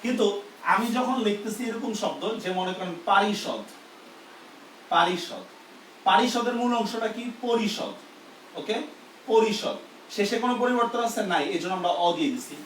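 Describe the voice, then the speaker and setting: High-voiced teacher, echoey room. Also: male voice, sing-song, normal speed, pauses often, a bit bright, far from the mic, a little hiss or hum. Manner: explains step by step, often asking "do you understand?". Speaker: grammar teacher. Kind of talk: live online lesson.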